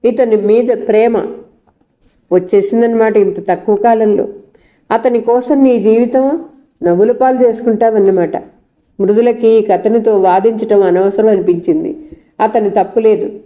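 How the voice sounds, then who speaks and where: A woman reading a novel aloud in a steady, measured way, giving the dialogue light voices. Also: a little high, lo-fi sound. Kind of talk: novel read aloud, voicing all characters.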